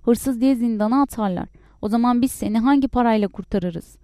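A woman voicing a furious, sharp-tongued poor peasant wife who scolds loudly in a raised, shrill voice. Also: fairly quick, no room sound, clean studio sound, close to an everyday voice. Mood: scolding.

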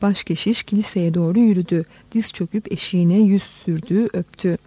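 A woman reads a historical novel aloud in a measured, dramatic way. Her voice is very dark and mellow. The sound is close and dry, with no room around it. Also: lowish voice, slightly rough, no echo. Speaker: audiobook narrator. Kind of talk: scripted story narration.

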